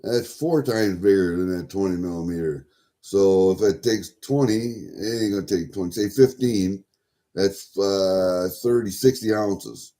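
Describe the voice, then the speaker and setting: A man with a low, very mellow and relaxed voice hosts a casual livestream. He talks in a folksy, rambling way, thinking aloud and swearing freely as he addresses his viewers. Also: measured pace. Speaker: livestream host.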